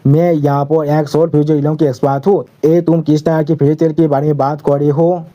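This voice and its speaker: Male narrator voicing an arrogant young genius of a clan, boastful. Flat, dark read. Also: a little high, a little fast, natural voice. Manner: boastful and defiant.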